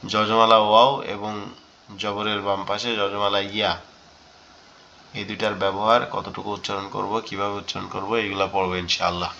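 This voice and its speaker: A man's voice: lowish voice, gravelly, slight background noise. Man teaching Quran reading on a dull line. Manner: slow, drawn-out Arabic prayer recitation, then steady letter-by-letter drilling. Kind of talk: online Quran reading class. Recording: dull lo-fi online class audio.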